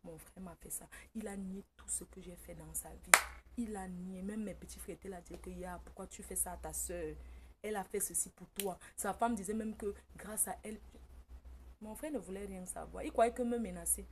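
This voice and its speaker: A woman from Cameroon speaks, recounting a personal story to her viewers as a casual monologue. Her delivery is emphatic and she acts out what her relatives said, with her voice sitting at an ordinary middle pitch. A faint noise sits under her voice. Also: moderate pace, warm tone. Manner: emphatic, tells the story by quoting family members, often breaks into laughter. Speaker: vlogger.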